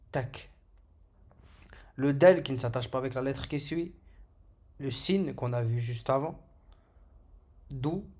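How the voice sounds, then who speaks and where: A man's voice: medium pitch, darkish tone. A man giving a patient, step-by-step lesson on Arabic letters, repeating each sound for learners. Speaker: Arabic teacher. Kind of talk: slow step-by-step alphabet lesson.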